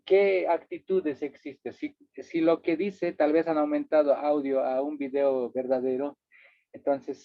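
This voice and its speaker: A man's voice: mid-range voice, vocal fry, no room sound. A middle-aged man teaching a workshop, checking in with the audience through tag questions and repeating words for emphasis. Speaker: workshop instructor. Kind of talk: lecturing to a workshop. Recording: dry, tinny phone-like line.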